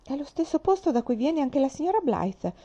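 A woman's voice: medium pitch, very animated, brisk, mellow. A woman voicing an eager, wide-eyed young girl who speaks in exclamations. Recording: slightly dull lo-fi recording.

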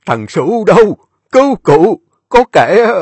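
Storybook role: frail dying grandfather in his last breaths, voiced by a man, high and strained. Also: big pitch swings, extremely slow, a little mellow, breathy edge, no echo, full character voice. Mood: desperate. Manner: faint, gasping, broken words.

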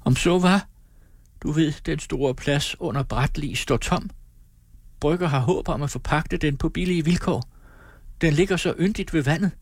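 A man's voice: fairly high pitch, slightly rough, dry recording, studio quality, voice pushed up. A man doing an eager pleading young woman. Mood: pleading hopeful.

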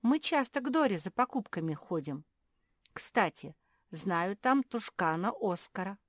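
A woman voicing an impulsive young female dog, a schoolgirl, in a storybook reading, speaking eagerly and briskly. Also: medium pitch, expressive, no room sound, studio quality, pitched above the performer's own voice. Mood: apologetic.

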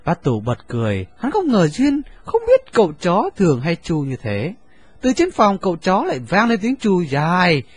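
A man narrating a story in an expressive, lively reading. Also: sits high, normal speed, husky, dry recording.

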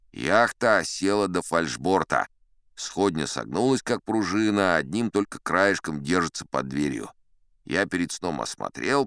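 A man's voice: deep voice, dry recording, clean studio sound, exaggerated voice. An actor playing a boastful old sea captain who narrates his tall tales in a chatty, sly way, often turning to the listeners. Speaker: first-person narrator of an audio play. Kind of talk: theatrical storytelling, audio play.

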